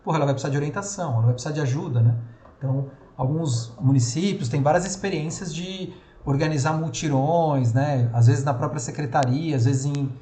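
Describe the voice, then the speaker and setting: A man with a São Paulo accent runs a training call in a fairly high voice, casual and full of fillers and restarts. His voice carries an echo from the room. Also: fairly quick, dark tone. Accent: São Paulo Portuguese. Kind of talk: online training session.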